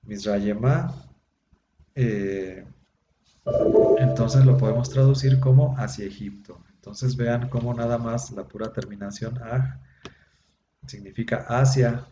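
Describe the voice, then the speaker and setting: A man's voice: medium pitch, fairly even intonation, measured pace. A man teaching Biblical Hebrew, explaining patiently with many fillers, heard over a video call. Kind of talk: online class lecture. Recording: dull lo-fi echoey room with faint hum.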